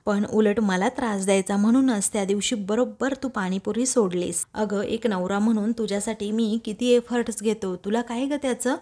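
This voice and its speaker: A woman's voice: medium pitch, steady tone, normal speed, hardly any pauses, warm tone, lightly acted. Lady doing a bossy young husband, scolds and brags, her own normal voice. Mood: scolding. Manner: scolding, boastful. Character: hot-tempered young husband, teasing and boastful.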